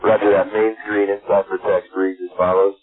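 Deep monotone man over walkie talkie. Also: moderate pace, music in the background. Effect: two-way radio, walkie talkie. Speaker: aircraft radio operator. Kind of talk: military radio communication. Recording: tinny phone-like radio transmission.

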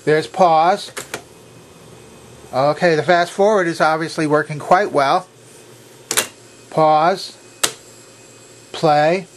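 At an indoor workbench, an older man presenting a vintage electronics repair video talks through a hands-on repair in a casual, unscripted, step-by-step way. His voice is fairly high with fairly even intonation, slow with long pauses, and there's a little hiss or hum.

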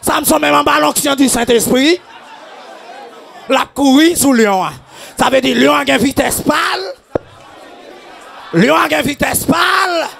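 A Haitian man preaching a sermon as pastor, shouting and half-singing his lines. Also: very high voice, a little slow, vocal fry, pauses often, some chatter behind.

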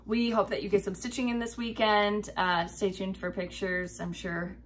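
A woman co-hosting a cross-stitch video show, chatting casually and running through a list of giveaway prizes, upbeat and quick to laugh. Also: mid-range voice, flat delivery, slight background noise. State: out of breath.

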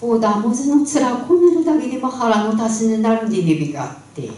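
A woman's voice: a little high, expressive, fast talker, mellow. An older woman telling a folktale on stage in a thick Tsugaru dialect. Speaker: folktale storyteller. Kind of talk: oral folktale storytelling. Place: stage in a hall, indoors. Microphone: handheld microphone, recorded from a distant camera. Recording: echoey hall, distant, faint noise.

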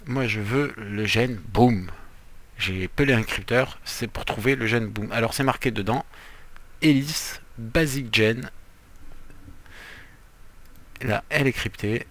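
A man's voice: medium pitch, measured pace, a bit bright. A man giving casual, playful gameplay commentary as a let's player, chatty, with jokey asides while he explains what he is doing.

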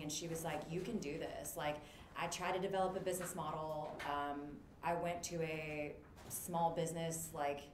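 Her voice sits low as this woman in her thirties, who runs a makeup artist business, recounts her career on a casual video call panel. Chatty, filler-heavy and quick to laugh, she's heard from an indoor room through roomy webcam audio with noise.

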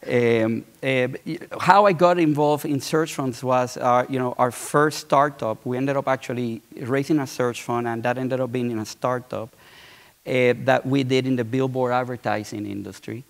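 A man in his forties from Puerto Rico speaks with a steady, mid-range voice at normal speed. As a guest entrepreneur at a conference fireside chat on a large auditorium stage, he talks conversationally, often restarting and repeating words.

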